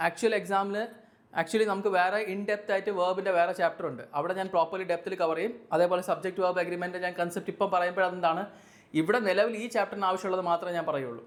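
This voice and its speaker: Malayali man teaching grammar, high voice. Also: fairly even intonation, fast talker. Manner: repeats key terms, asks and answers own questions. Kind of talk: classroom explanation mixing two languages.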